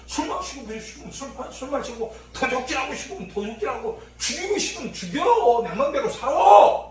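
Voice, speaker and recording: A male pastor delivers an impassioned evening sermon in a church sanctuary, swinging between low murmurs and shouts. He is captured from far off in the echoey hall, with faint noise in the background.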